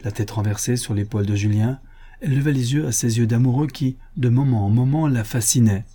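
A man narrating a nineteenth-century short story in a measured, expressive reading. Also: medium pitch, breathy edge. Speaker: audiobook reader. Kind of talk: literary narration.

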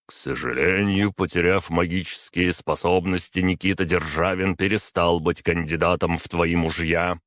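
A man's voice: low voice, steady tone, fairly bright tone, no room sound, studio quality. A man voicing a stern, unbending aging emperor who speaks curtly and commandingly to his daughter. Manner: curt, measured, commanding.

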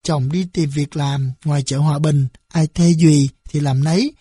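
Audiobook narrator, mid pitch, husky texture, steady and expressive. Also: moderate pace, dry recording, clean studio sound.

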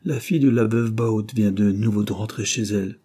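A man voicing a kindly, selfless aging pastor who speaks earnestly and insists gently. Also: lowish voice, a little fast, lightly acted.

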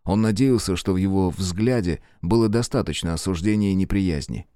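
Low-voiced male audiobook narrator. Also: brisk, mellow, clean tone, no room sound, clean studio sound.

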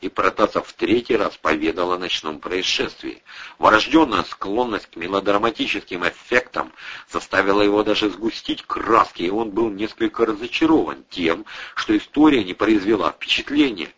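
A man reading a crime novel aloud with a lively, expressive delivery. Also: fairly low pitch, moderate pace, breathy edge. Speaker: audiobook narrator. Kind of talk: scripted narration. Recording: dull lo-fi audio.

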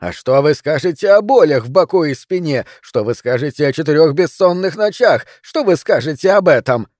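A man doing a shouting, cranky hypochondriac. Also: on the high side, expressive, no echo, clean studio sound, close to an everyday voice. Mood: ranting. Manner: shouting, indignant, drawn-out emphasis. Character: cranky hypochondriac middle-aged man in bed.

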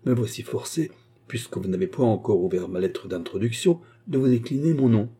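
A man's voice: medium pitch, a little fast, dark tone, husky. Man playing a polite young Irish baronet. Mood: courteous. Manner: polite, modest and coolly persistent. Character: young male Irish baronet, smooth schemer.

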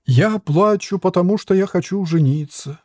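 A man voicing a sad wooden puppet clown, talking in a squeaky, mournful voice. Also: lively intonation, measured pace, mellow, no room sound, clean studio sound.

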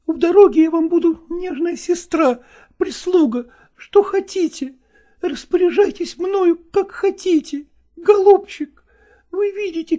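A woman's voice: very high voice, mellow. A woman voicing a stubborn young novice actress in an audiobook drama, insistent and pleading.

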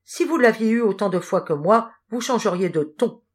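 A woman's voice: medium pitch, lively intonation, normal speed, pitched above the performer's own voice, close to an everyday voice. A woman voicing a poor, proud young poet and thief who answers back with heated indignation. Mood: indignant.

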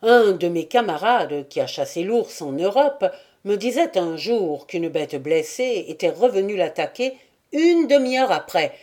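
A woman's voice: medium pitch, very animated, a little slow, a little mellow. A woman reading the part of a brash, self-assured young male hunter from Paris, in an emphatic way. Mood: insistent.

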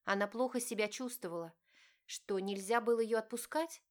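A woman voicing a gentle young wife who sounds indignant and scared. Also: a little high, normal speed, pitched above the performer's own voice, close to an everyday voice. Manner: pleading, indignant.

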